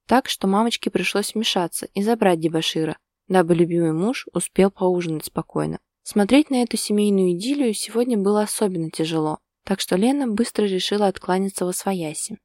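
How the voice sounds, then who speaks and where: A woman narrating a story in a calm, even storytelling manner. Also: mid-range voice, brisk, no echo, studio quality.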